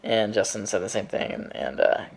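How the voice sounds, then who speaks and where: A man's voice: fairly low pitch, animated, normal speed, vocal fry. A man in his twenties casually telling a story to his vlog audience, rambling with lots of fillers and restarts. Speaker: vlogger.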